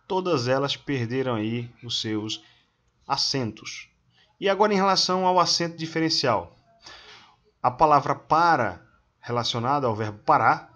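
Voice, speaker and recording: A man teaching a grammar lesson, slowly reading long lists of example words one at a time. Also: on the high side, fairly bright tone, highs cut off. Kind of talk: slow instructional reading of word lists.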